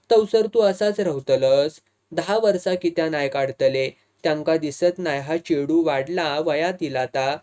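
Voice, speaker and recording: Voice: medium pitch, a little mellow, natural voice. A reader voicing a hot-tempered young village man with a Malvani accent, pressing insistently in an audiobook. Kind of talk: audiobook dialogue reading.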